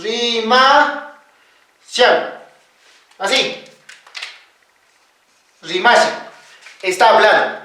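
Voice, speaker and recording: Slow, bright-voiced teacher in an echoey room. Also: high voice, lively intonation, distant mic, a little hiss or hum. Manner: patient, drills letters one by one and asks if students follow. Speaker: Quechua teacher. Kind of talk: classroom-style alphabet lesson.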